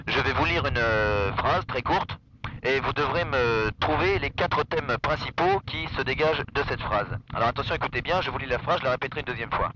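A man hosts a small ship's radio show, announcing games and songs in an unhurried, chatty way. His voice sits at a mid pitch. The recording is dull and lo-fi, with a loud hiss of noise behind him. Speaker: host of an onboard ship radio show. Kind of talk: casual radio hosting.

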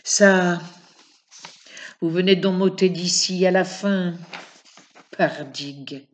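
A woman's voice: on the low side, takes it slowly, a little hiss or hum. A woman reading aloud voices a frightened, naive middle-aged male draper who speaks in a raised, pleading way. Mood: eager.

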